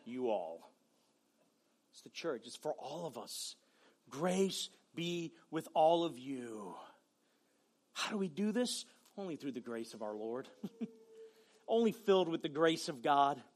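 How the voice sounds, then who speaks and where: A man with a Southern US accent preaching a sermon as pastor, swinging from shouted passion to quiet, low talk. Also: big pitch swings, moderate pace, pauses often.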